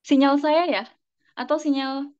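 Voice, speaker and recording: A woman's voice: high-pitched, steady tone, unhurried, darkish tone, no room sound, muffled recording. Woman on a choppy, breaking-up call line. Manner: apologetic, checking the line. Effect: choppy online call audio, breaking up. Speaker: moderator of an online Q&A session. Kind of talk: polite moderating of questions.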